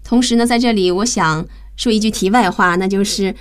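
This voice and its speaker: A woman's voice: medium pitch, brisk, clean tone. A woman hosting a radio English lesson, explaining vocabulary step by step and spelling words out letter by letter. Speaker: English teacher and radio host.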